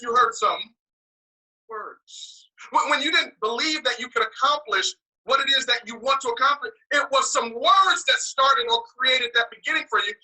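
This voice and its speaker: A man's voice: very high voice, bright, forceful tone, slightly rough, low-quality recording. A man born in the US and raised partly in Nigeria, preaching to a congregation in an emphatic way, repeating key words and making joking asides. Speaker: speaker giving a morning message.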